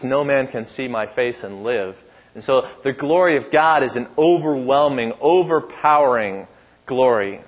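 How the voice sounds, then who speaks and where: This sermon comes from a male pastor whose voice sits on the high side. He preaches in church with strength and power, using an emphatic, repetitive rhythm.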